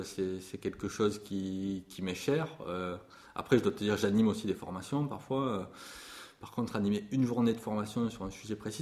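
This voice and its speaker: A man's voice: fairly low pitch, darkish tone. A man in his forties, a music publisher, talking with passion about his trade in an interview, with many fillers and restarts. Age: 40s. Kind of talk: interview conversation.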